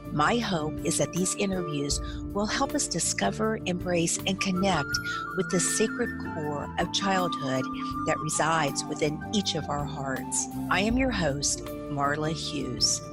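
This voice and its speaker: Low-voiced woman hosting a heartfelt podcast. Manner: gentle, heartfelt, searching for words. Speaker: podcast host. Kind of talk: podcast intro and interview.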